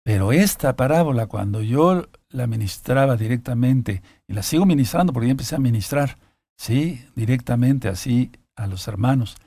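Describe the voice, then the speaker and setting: Mellow-voiced man teaching scripture. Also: mid-range voice, lively intonation, slightly rough, dry recording. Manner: reads scripture aloud, breaking off with asides to listeners; slow, deliberate, repeats key phrases. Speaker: Bible teacher. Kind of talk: sermon-style Bible teaching.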